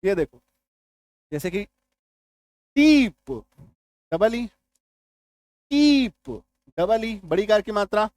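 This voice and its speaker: A man's voice: high voice, normal speed, pauses often, darkish tone. A man giving a spoken English spelling lesson, drilling words aloud and checking whether his students understand. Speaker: English teacher.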